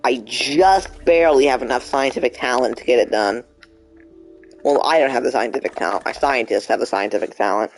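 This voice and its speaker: A man's voice: medium pitch, brisk, soft background music. A young man streaming a game, chatting casually and talking back to the game in mock frustration. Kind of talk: casual live gameplay commentary.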